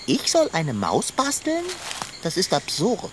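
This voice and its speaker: A woman's voice: fairly low pitch, wildly swooping pitch, slow pace, slight background noise, heavily acted. A woman voicing a fat, pompous, always hungry male tomcat in a children's radio play, talking in a dry, lofty, sarcastic way.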